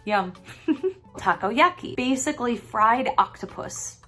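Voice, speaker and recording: A young woman vlogging at home in a bubbly, excitable, chatty manner. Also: a little high, slow, faint music behind. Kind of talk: casual chat. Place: at home with a cat.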